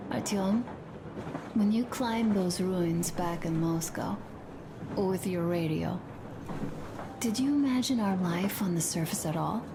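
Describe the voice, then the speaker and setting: A woman playing a tender, pensive young wife who talks softly and intimately to her husband in a video game. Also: lowish voice. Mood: wistful, tender. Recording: game audio with clear background noise.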